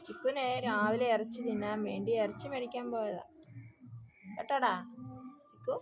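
A woman's voice: on the high side, fairly even intonation, normal speed, music in the background. A woman soothing and coaxing her crying pet dog in a home vlog. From Kerala, India. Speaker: pet vlogger.

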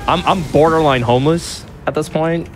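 A gamer speedrunning live talks casually, cracking jokes and overstating his own blunders for laughs. His voice runs a little high at a moderate pace. Game music and sound effects play behind him.

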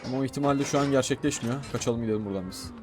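A man commentating his own gameplay in a casual, excitable way, often shouting and talking to himself. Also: medium pitch, racing, a little hiss or hum. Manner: excitable, shouts and talks to himself while playing. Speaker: gaming streamer.

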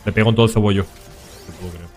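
A man's voice: fairly low pitch, steady tone, quick pace, a little mellow, faint music behind. Slangy Spanish streamer man. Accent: Spain Spanish. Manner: casual and slangy, talks to chat. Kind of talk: live gameplay commentary.

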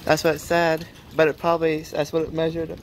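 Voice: medium pitch, monotone, fairly quick. Someone giving casual, exclaiming commentary on a hailstorm while filming on a handheld phone outdoors. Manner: exclaiming, repetitive. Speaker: amateur camera operator. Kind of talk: amateur storm video, casual excited commentary. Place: outdoors on a farm porch in a hailstorm. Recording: noisy phone video, loud storm ambience. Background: hail and rain noise.

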